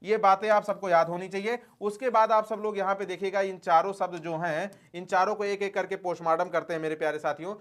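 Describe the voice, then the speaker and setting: A man's voice: sits high, steady tone, quick pace, hardly any pauses. A man teaching grammar for exams in a folksy manner, asking questions and answering them himself and calling his students dear friends. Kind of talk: exam-prep lesson.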